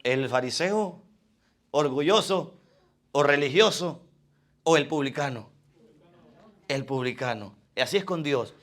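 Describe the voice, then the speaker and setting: A man preaching a sermon, fervent, swinging between loud emphasis and quiet asides. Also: a little high, lively intonation, measured pace, long pauses.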